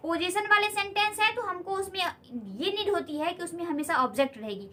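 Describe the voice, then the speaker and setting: A woman's voice: high voice, bright, forceful tone. A woman teaching a spoken English lesson at a board, patiently repeating key points and asking learners questions.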